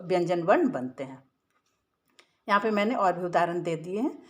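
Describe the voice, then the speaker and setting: A woman teaching a grammar lesson, explaining step by step in a patient way and often checking that her listeners follow. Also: medium pitch.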